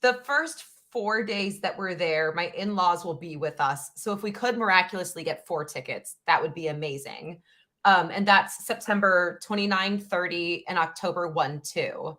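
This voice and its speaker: A woman's voice: on the low side, normal speed, a bit bright. A young woman co-hosting a podcast, chatty and matter-of-fact in casual conversation. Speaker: podcast co-host. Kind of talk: casual chat.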